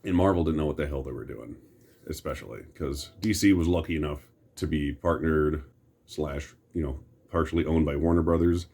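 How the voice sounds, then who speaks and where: A man's voice: very deep voice, moderate pace, gravelly, darkish tone. A middle-aged American man giving casual, rambling commentary in an opinionated, grumbling back-in-my-day rant with some mild swearing. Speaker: host reminiscing about superhero films.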